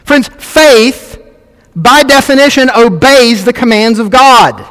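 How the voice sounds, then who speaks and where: A man's voice: extremely high pitch, expressive, slow, a bit bright, long reverb tail. A man preaching a sermon as a pastor, earnest and emphatic, repeating key words for stress.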